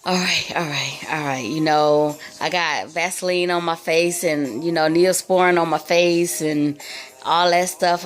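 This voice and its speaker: A young woman tells a story from her own life in a loose, rambling way, and she keeps leaning on "like" and "you know." She talks slowly in a fairly low voice. Faint music plays behind her. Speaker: vlogger telling a personal story. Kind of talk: casual storytime retelling.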